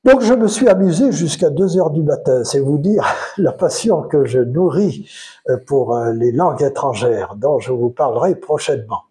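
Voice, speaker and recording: An older retired man with a Provençal French accent, musing in a casual solo monologue, pausing often with fillers. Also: fairly high pitch, expressive, mellow. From France. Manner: hesitant, many pauses and fillers; unhurried, chatty. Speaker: retired commentator.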